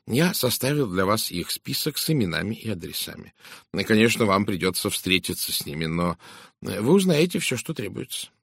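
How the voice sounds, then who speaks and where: A man voicing a fussy, shrewd middle-aged Belgian detective who speaks in a soft, measured, confiding way. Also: on the low side, very animated, vocal fry, slightly rough, dry recording, studio quality, exaggerated voice.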